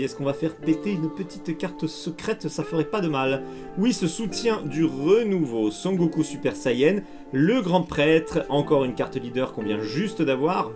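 Talking directly to his viewers, a card unboxing YouTuber opens trading card packs with casual, chatty, excitable commentary. His voice is fairly high, and soft music plays faintly in the background.

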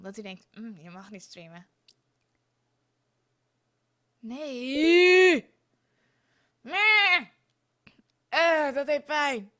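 Swearing in frustration while streaming a game, a young woman with a high voice lets out loud outbursts, her throat audibly sore.

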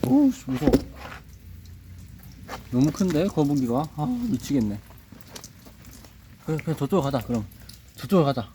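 A man's voice: mid-range voice, expressive, fairly quick, long pauses, mellow. A man vlogging outdoors, nervously muttering to himself and coaxing an animal along. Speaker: nature vlogger. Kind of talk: casual self-talk while handling an animal. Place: outdoors by a reservoir on a rainy day. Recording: outdoor recording with clear background noise.

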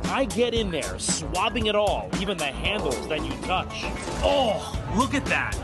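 A man in his forties reports a consumer news story with energy and emphasis, his voice sitting high. He moves from the studio to an airport and then into a plane cabin.

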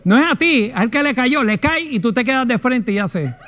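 A man's voice: very high-pitched, normal speed, a little hiss or hum. A man with a Puerto Rican accent hosting a studio comedy show, telling a story animatedly and acting out the other people in it. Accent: Puerto Rican Spanish. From Puerto Rico. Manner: animated storyteller, acts out voices with shrieks. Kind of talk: comic storytelling monologue. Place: television studio.

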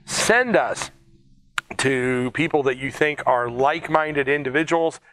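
A man's voice: mid-range voice, unhurried, fairly bright tone, dry recording, rough recording. Chatty man hosting a museum video. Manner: chatty, jokey, rambling with restarts. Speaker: museum host. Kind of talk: casual one-take video talk. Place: air museum.

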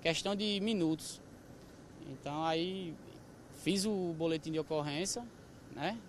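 A man's voice: a little high, measured pace, slight background noise. A man, recounting in a plain, hesitant way what happened to him. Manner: plain, hesitant retelling with fillers. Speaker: crime victim interviewee. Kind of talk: recounting events in an interview. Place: outdoor parking lot. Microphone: reporter's handheld mic.

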